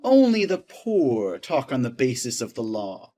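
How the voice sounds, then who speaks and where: A man's voice: medium pitch, huge pitch swings, mellow, faint music behind. An actor playing a domineering, wealthy husband who talks down to his wife with boastful scorn. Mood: scornful. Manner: boastful, scornful, quick to rage.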